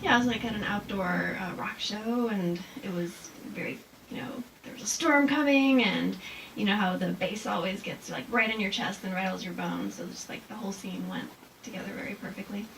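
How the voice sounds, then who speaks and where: A woman poet giving an informal reading and talk about haiku, slow and deliberate when she recites verse. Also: medium pitch, a bit bright, recorded from a distance. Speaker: haiku poet presenting her work. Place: live reading before a small audience. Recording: noisy room with clear background noise.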